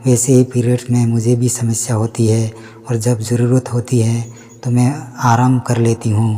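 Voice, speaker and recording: Monotone male story narrator. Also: mid-range voice, normal speed, in a large hall. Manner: steady monotone reading.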